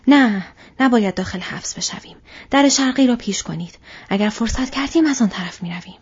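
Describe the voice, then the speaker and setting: A commanding old wizard, whispered by a woman in whispered role-play, the breathy, husky voice pressing on with urgency. The recording sounds dull and lo-fi. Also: mid-range voice, steady tone. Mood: urgent.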